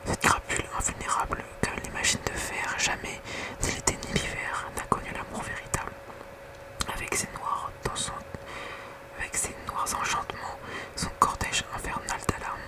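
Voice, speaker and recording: Hushed whispered ASMR poetry reader. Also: poor audio. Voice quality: soft unvoiced whisper, quiet as at night. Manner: hushed bedtime reading with casual whispered asides.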